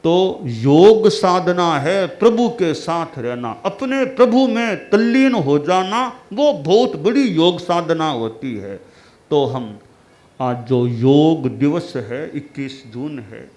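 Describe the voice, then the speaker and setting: A man giving a sermon as a spiritual teacher, telling a parable in an unhurried storytelling manner. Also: fairly high pitch, lively intonation, a little mellow. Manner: unhurried, storytelling with acted dialogue.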